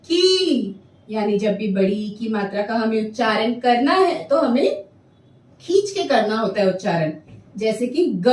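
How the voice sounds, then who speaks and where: Woman teacher, fairly high voice, patient and drawn-out, echoey room, from the mic. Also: warm tone, recorded from a distance. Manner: slow, drawn-out sounding of syllables. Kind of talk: children's lesson.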